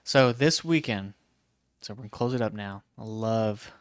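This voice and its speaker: A man's voice: on the low side, normal speed, clear, resonant tone, no room sound. Young man, easygoing podcast co-host, dry close recording. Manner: laid-back, agreeable backchannels and laughs. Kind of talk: casual chat.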